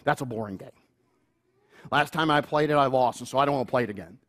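A man's voice: mid-range voice, fast, dry recording, clean studio sound, voice pushed down, natural voice. A man voicing a sulky, whining teenage boy who grumbles mopily. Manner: mopey, grumbling.

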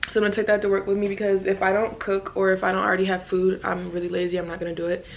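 A woman's voice: mid-range voice, completely flat delivery, racing, creaky, muffled recording, a little hiss or hum. A young woman, a night-shift nurse, chatting casually to her phone camera at home, rambling with lots of fillers.

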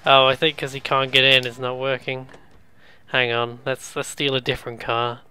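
A man's voice: mid-range voice, flat delivery, normal speed, sharp tone, smooth. A man giving casual let's play commentary, musing aloud and joking as he goes. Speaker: gaming video host.

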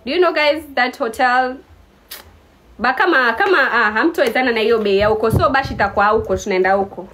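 A woman's voice: fairly high pitch, quick pace, fairly bright tone, slight background noise. A woman in her twenties from Kenya, chatting casually and teasing her viewers on a live stream. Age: 20s. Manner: playful teasing, mixes English and Swahili.

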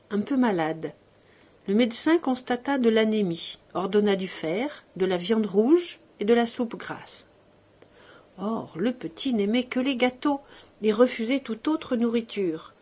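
A woman reads a classic tale aloud, voice husky and breathy, pitched in the middle range. She leans into the drama, letting scenes swell and hush. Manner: expressive, dramatic reading. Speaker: narrator. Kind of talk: storybook reading.

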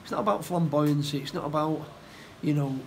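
A middle-aged man, a football manager, talks through a post-match interview indoors. His voice sits a little high, and he restarts and repeats words as he goes. A faint background hum runs under the recording. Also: creaky, darkish tone, poor audio. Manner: halting, repeats words, plain-spoken. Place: indoor room by a stadium door.

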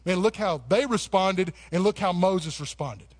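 A man with a rather high voice preaches in a church sanctuary. His delivery is passionate yet conversational. He restarts phrases and sprinkles in "man" as he speaks to his congregation. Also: a little slow. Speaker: pastor. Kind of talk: sermon.

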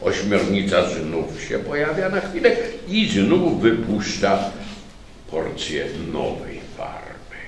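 Slow, dramatic male storyteller. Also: lowish voice, gravelly. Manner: dramatic, wide-ranging delivery. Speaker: storyteller reciting a fairy tale. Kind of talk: expressive recited narration. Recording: echoey room, mic at a distance, faint noise.

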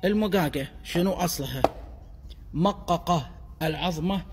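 A man with a Kuwaiti Gulf Arabic accent giving a deliberate, emphatic explanatory monologue in the manner of a language explainer. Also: a little high, noisy background. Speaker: explainer of dialect words. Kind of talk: explanatory monologue on word origins. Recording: long reverberant echo.

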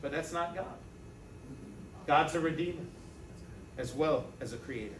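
A man preaching a sermon as pastor, talking conversationally to the congregation with rhetorical asides and quick check-ins. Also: on the high side, slight background noise. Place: church sanctuary. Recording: echoey church sanctuary from a distance.

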